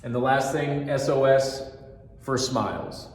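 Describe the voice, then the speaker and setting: A man's voice: mid-range voice, measured pace. Earnest middle-aged man in an echoey room. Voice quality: fairly monotone, steady and earnest. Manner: talks through a mask, patient and repetitive. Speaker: restaurant manager giving staff orientation. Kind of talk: training talk. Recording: very echoey room with long reverb.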